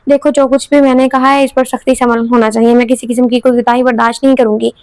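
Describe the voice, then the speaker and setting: A woman's voice: fairly high pitch, level tone, quick pace, darkish tone, no room sound, lightly acted. A woman voicing a stern, wealthy middle-aged mother who orders her servants about. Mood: commanding. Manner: commanding, bossy.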